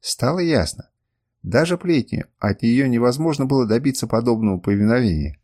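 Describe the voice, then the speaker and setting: A man narrating a first-person audiobook in a measured, expressive reading. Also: mid-range voice.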